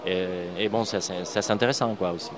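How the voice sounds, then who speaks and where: A man's voice: lowish voice, fast talker, crowd noise. Hesitant comic artist man, lots of fillers. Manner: hesitant, frequent fillers, apologizes for his speech. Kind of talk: casual interview answers.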